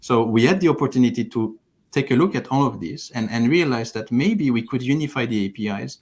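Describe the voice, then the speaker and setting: A French man in his thirties, a platform engineering lead, joins a livestream interview by video call from his living room, wearing a headset. His mid-range voice is expressive, brisk and a little mellow, and he explains things thoughtfully, restarting often.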